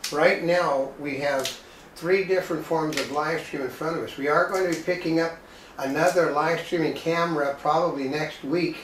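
On a live home cooking show, a man banters casually, rambling along with dry, self-mocking jokes. His voice is a little high and fairly bright, with fairly even intonation at a normal pace. A distant camera mic picks him up from across the indoor home kitchen, giving a roomy sound with a bit of hiss or hum.

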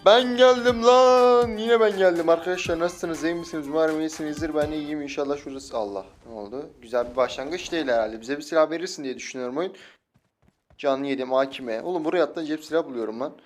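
A young man with a Turkish accent giving casual, excitable gameplay commentary and taunting opponents as he plays. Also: a little high, fast talker, faint music behind. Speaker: mobile game streamer. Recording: noisy with loud gunfire behind.

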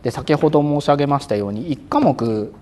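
A male exam prep instructor giving a lecture, speaking crisply and a bit loudly on purpose, with frequent fillers, sometimes acting out examiners. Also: fairly high pitch, lively intonation, a little fast, a little hiss or hum. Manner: acts out examiners and exam-day self-talk.

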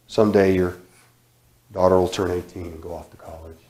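A man in his thirties preaching a sermon in a church sanctuary, repeating phrases with emphasis and sudden drops to a hush. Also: low-pitched, flat delivery, brisk. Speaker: guest preacher. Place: church sanctuary, large indoor room. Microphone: far camera, room mic. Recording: echoey church hall.

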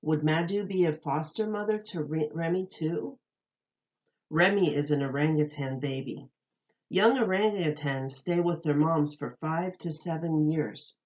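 In a somewhat dull, lo-fi recording, a woman with a slightly low, darkish voice reads a children's book the way a teacher would. She articulates each phrase carefully and deliberately for her young audience.

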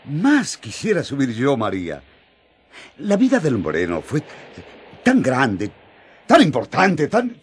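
An actor playing John the apostle, an earnest, excitable man who speaks emphatically and coaxingly in a radio drama. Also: mid-range voice, husky, exaggerated voice. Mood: eager, fervent. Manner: emphatic, halting with eagerness, coaxing. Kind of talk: radio drama acting in colloquial Spanish.

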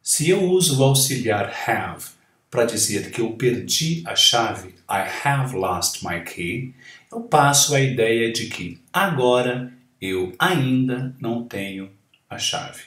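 A man, a Portuguese speaker, teaching an English grammar lesson on video, explaining slowly and reading English examples out with care. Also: mid-range voice, expressive, a bit bright, recorded from a distance. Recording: roomy sound from off the mic.

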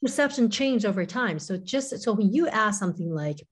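A professor and author in her forties explains ideas thoughtfully as a guest on a video call interview from a home room with windows, often hedging with "kind of" and "you know." Her mid-range voice is animated and breathy-edged, at a moderate pace.

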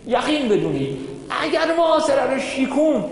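A man with a very high voice delivers a sermon in a large hall, and his words ring out with a long reverb. He tells his stories with energy and keeps asking his listeners questions. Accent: Iranian Persian. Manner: animated storytelling, rhetorical questions. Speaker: cleric lecturer. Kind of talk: religious lecture.

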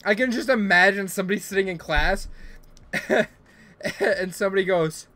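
A man hosting a game livestream, chatting casually and bursting into playful mock-outraged yelling for his chat. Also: high voice, moderate pace. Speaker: gaming livestream host.

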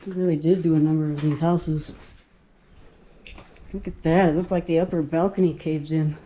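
Mellow-voiced man exploring abandoned houses. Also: fairly high pitch, normal speed, dull audio. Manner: relaxed, offhand comments while exploring. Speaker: urban explorer vlogger. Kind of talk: casual walkthrough narration. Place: outdoors and inside empty abandoned houses.

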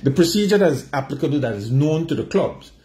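A man's voice: fairly high pitch, animated, quick pace, a little mellow, echoey room. A man with a Caribbean accent hosting an unscripted sports radio interview, pressing with questions that he rephrases and repeats. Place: small radio studio, indoors. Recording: studio with faint background noise.

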